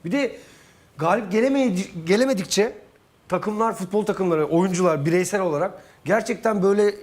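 A man's voice: high voice, brisk, darkish tone. A man, a former footballer, giving his views as a pundit in a football panel discussion.

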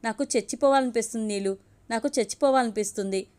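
A tearful, heartbroken young woman from a storybook, as a female narrator reads her lines. Her words falter and sound defeated. The voice is a touch high. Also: fast, darkish tone, lightly acted. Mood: despairing. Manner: faltering, despairing.

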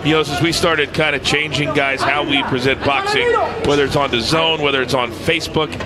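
A man's voice: mid-range voice, steady tone, a little fast. A man hosting live boxing commentary as the play-by-play voice at ringside. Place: ringside in an indoor arena. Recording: very loud crowd and arena noise.

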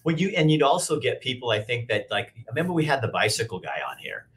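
A man's voice: mid-range voice, big pitch swings, fast, a bit bright, slight background noise. A man in his fifties hosting an interview over a video call, talking in loose, rambling sentences with frequent restarts. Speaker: host. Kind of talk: casual interview chat. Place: indoor office with brick wall. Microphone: video call webcam.

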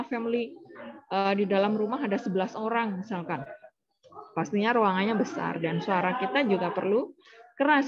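A woman's voice: a little high, lo-fi sound. A woman teaching nursing students, explaining step by step and asking and answering her own questions. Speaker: nursing lecturer. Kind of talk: lecture.

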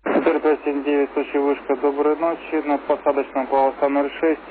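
A man's voice: a little high, little pitch movement, moderate pace. A man working as a tower air traffic controller, giving procedural instructions over aviation radio. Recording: tinny aviation radio with faint noise.

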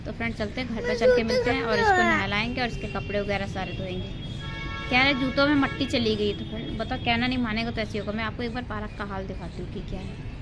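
A woman's voice: on the high side, expressive, quick pace, over loud music. A woman vlogger chatting casually with her viewers while out and about, filming on a handheld phone. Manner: chatty, addresses viewers as friends. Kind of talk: casual vlog chat. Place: outdoors at a park and school gate.

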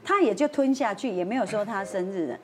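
A woman's voice: mid-range voice, lively intonation, fairly quick, music in the background. A woman with a Taiwanese accent telling a dramatic anecdote on a talk show, acting out the quoted voices and slipping into Hokkien phrases. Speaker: storyteller guest on a talk show.

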